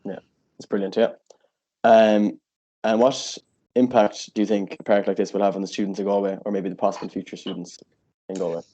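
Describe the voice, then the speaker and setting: A man's voice: on the low side, flat delivery, fairly quick, mellow. A man asking informal interview questions in a slightly muffled recording. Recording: slightly dull, muffled sound.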